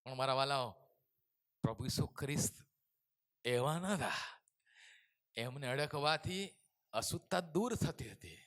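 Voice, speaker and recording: A male pastor preaching a sermon with great passion, going from quiet, low lines to loud shouts and dropping English words into his talk. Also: animated, measured pace, long pauses, big-room sound.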